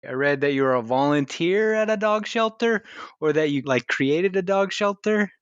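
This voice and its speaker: A man's voice: sits high, lively intonation, moderate pace, smooth, no echo. Playful man host on a dull line. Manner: playful, joking, curious. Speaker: podcast host. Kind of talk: casual interview chat.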